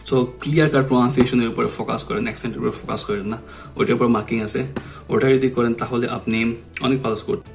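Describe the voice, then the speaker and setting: A man's voice: mid-range voice, steady tone, quick pace, gravelly, faint music behind. A young man explaining exam tips casually in a vlog, slipping English phrases into his talk. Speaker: vlogger.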